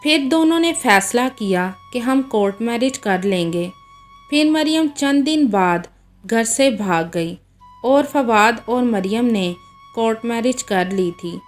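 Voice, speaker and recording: Slow, higher-voiced woman storyteller. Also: faint music behind. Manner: steady, measured reading. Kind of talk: read-aloud moral story narration.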